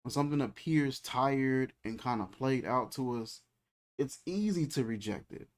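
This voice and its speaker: Man, thirties, channel host, reflective faith talk, colloquial, repetitive phrasing, mid pitch. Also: expressive, unhurried. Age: 30s.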